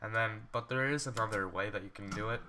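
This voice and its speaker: Fairly low in pitch and fast-talking, a congested young man fighting a cold gives a loose review of computer mice, stumbling through fillers and restarts. The poor recording picks up faint background noise.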